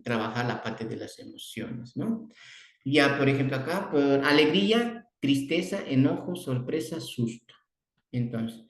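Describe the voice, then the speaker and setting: A Bolivian man teaches a speech therapy class, circling back over his words as he goes. His voice sits at a middle pitch and carries a roomy echo. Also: creaky. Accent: Bolivian Spanish. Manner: repeats and restarts words, acts out children's emotions with sudden high exclamations. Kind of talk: online class lecture.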